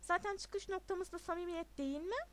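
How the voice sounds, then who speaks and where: A woman's voice: very high voice, fairly quick, voice pushed up. A woman reading a storybook, voicing a bold, swaggering teenage schoolboy. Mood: cocky.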